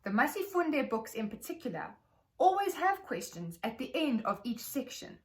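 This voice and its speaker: With a high, sing-song voice, a South African trainer instructs a group of teachers. Her explanations come across as measured and articulate.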